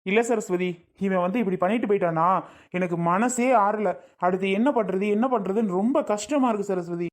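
A woman's voice: medium pitch, brisk, darkish tone, natural voice. Woman playing a worried middle-aged father. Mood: distressed. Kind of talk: home-made family drama skit.

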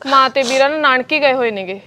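A woman playing a fast, sarcastic sister-in-law. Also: high voice, bright, forceful tone. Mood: concerned. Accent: Punjabi. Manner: scolding, sarcastic. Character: sharp-tongued sister-in-law defending her home. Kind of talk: Punjabi web-series acting.

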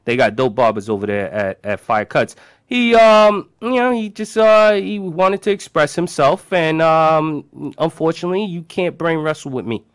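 A man with a Brooklyn accent and a slightly high-pitched voice hosts casual radio banter. He talks in street slang, swears freely and circles back over his own phrases. The sound is dry and close on a studio microphone. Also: animated, normal speed, clear, resonant tone, dry recording. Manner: slangy, profane, repeats phrases. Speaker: radio show host. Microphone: close studio microphone with headphones.

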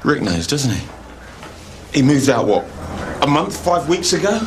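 An actor playing a resentful boyfriend under questioning, with a British accent, in a TV drama. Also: male voice, on the high side, sing-song, measured pace, noisy background. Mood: guarded. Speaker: victim's boyfriend. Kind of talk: British TV police drama acting.

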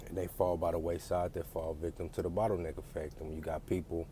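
A man's voice: low voice, flat delivery, fast, warm tone, slight background noise. A man giving a blunt, profane, lecturing rant straight to his audience. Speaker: vlogger. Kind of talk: casual ranting monologue.

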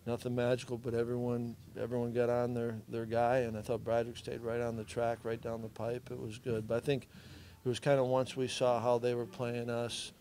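Middle-aged male coach, flat delivery, mellow tone, postgame presser answers. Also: medium pitch, a little fast, hardly any pauses, slight background noise. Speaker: head football coach.

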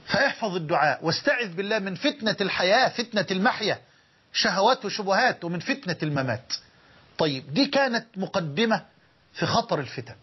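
High-voiced husky Egyptian preacher. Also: male voice, expressive, muffled recording. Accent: Egyptian Arabic. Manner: emotional storytelling with dramatic pauses. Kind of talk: sermon.

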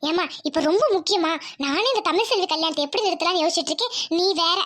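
A woman's voice: very high-pitched, fast, a bit bright. A woman voicing a pert, impatient young village daughter in a cartoon, brushing off her mother. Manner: impatient, dismissive.

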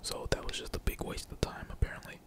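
A young man streaming a game whispers fast, casual commentary in a breathy, toneless voice. His talk is rambling, slangy and profane.

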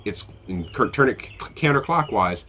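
A man in his forties, nasal and stuffy from a head cold, hosts a fishing channel and reviews gear in a casual, step-by-step way with plenty of fillers. His mid-range voice is lively and sharp at normal speed, recorded close on an outdoor deck with a little hiss or hum.

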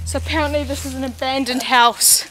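A woman's voice: high voice, steady tone, fairly quick, over music. A woman with a New Zealand accent chatting casually while vlogging with her children, asking lots of encouraging questions. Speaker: vlogger filming with her kids. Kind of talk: casual family vlog chat. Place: outdoors and in shops. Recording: noisy outdoor camera audio.

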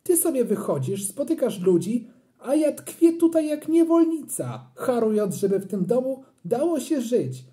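A reader voicing a harried mother who scolds her son, with shrill, exasperated outbursts. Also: very animated, a little slow, warm tone. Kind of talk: audiobook character reading.

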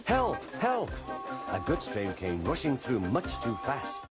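Man, storybook narrator, low voice, lively intonation, gentle telling, music behind. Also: measured pace.

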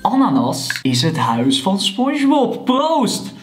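A YouTuber unboxing a mystery box, animated and exclaiming loudly, with English words thrown in. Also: mid-range voice, moderate pace. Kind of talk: excited unboxing vlog. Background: background music.

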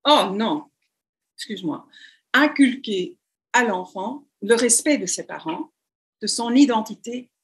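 A university lecturer presents over slides by webcam, speaking French, which isn't her first language. She's hesitant, with many fillers and restarts, and her highish voice has lively intonation at an unhurried pace.

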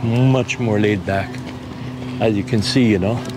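A man in his forties talks casually to viewers as a travel vlogger, walking outdoors through sunny island streets with a handheld camera. He repeats himself and tosses out relaxed asides. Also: on the low side, a little slow. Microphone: action camera held at arm's length while walking. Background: street and vehicle noise.

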